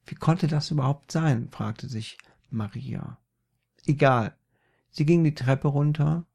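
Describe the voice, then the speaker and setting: A man's voice: mid-range voice, creaky, mellow. A man narrating an improvised spooky story in a playful way, with slips and self-corrections.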